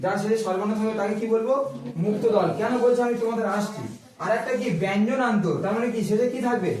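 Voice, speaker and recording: A male teacher takes a grammar lesson and keeps firing questions at his pupils, stretching out syllables to make his point. His voice sits high for a man and is heard from some distance across the room. The classroom echoes loudly around him. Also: fast talker, crowd noise. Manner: asks the class frequent questions and stretches sounds to demonstrate.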